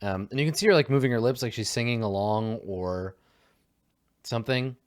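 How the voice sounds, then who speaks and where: A man narrates a tabletop game as its game master. He talks in a loose, rambling way, with plenty of fillers and restarts. His voice sits at an ordinary, middle pitch. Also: a little fast, smooth.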